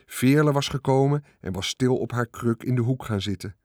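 A man narrating a children's storybook, reading in a lively way. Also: medium pitch, normal speed, dry recording, studio quality. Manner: lively, character-voicing reading.

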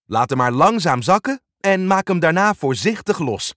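Bob: a man doing a calm, practical builder. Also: a little high, normal speed, no room sound, clean studio sound, pitched above the performer's own voice. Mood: instructive. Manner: calm, instructive speech.

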